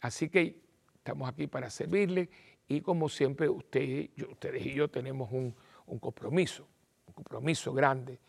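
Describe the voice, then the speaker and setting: Gravelly priest. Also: male voice, mid-range voice, moderate pace. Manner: animated, acts out little dialogues and repeats phrases for emphasis. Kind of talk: televised sermon talk.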